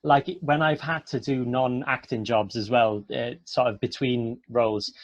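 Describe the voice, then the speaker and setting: On a close, dry online webinar, a Welsh-accented actor from south Wales gives students chatty, sincere, encouraging advice. He speaks unhurriedly in a steady, medium-pitched voice, and the recording is dry and dull.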